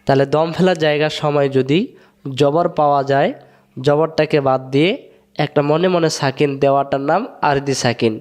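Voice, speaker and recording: A man's voice: a little high, steady tone, moderate pace, a little mellow. A man teaching a Quran recitation lesson with a Bangladeshi Bengali accent, repeating each rule patiently and asking then answering his own questions while he writes for the camera. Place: room, writing on a board in front of a camera.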